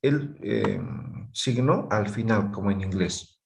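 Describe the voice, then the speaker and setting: A man's voice: lowish voice, expressive, slow, gravelly, slight background noise. A man teaching a language class, explaining patiently and often checking that students follow. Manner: patient, checks understanding with frequent tag questions.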